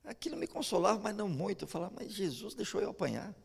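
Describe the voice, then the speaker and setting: A Brazilian pastor preaches a sermon in a large, echoey church hall with a Brazilian Portuguese accent. His high-pitched voice is fast, breathy and marked by vocal fry, and he tells personal stories in an animated way, often stammering and starting over.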